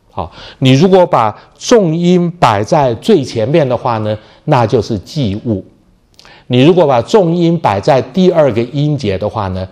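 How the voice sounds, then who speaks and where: A man preaching with a warm, mellow tone and a lively, rising-and-falling delivery. He asks his listeners questions and then answers them himself. He stretches out the key phrases he wants to stress. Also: mid-range voice. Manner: opens sentences with a habitual filler word. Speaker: pastor. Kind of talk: sermon.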